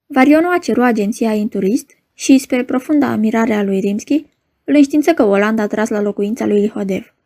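A woman narrating a novel in a measured storytelling manner. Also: a little high, dark tone. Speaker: audiobook narrator. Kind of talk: novel reading.

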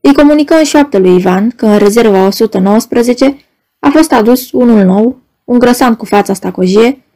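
A woman narrating an audiobook in a measured, even storytelling manner. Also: a little high. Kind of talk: scripted narration.

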